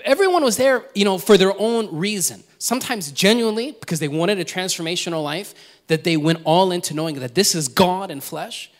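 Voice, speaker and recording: A man preaching a sermon as pastor, telling the story in an animated way, acting out quotes and often restarting his sentences. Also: sits high, brisk, in a large hall.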